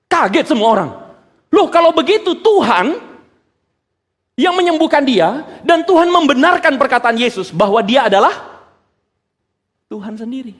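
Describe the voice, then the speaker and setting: A man preaching as a pastor, animated, asking his listeners questions and acting out the people he quotes. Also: very high-pitched, normal speed, long pauses, long reverb tail. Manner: animated, acts out quotes in voices; addresses listeners directly, asks questions. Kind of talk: preaching to a congregation.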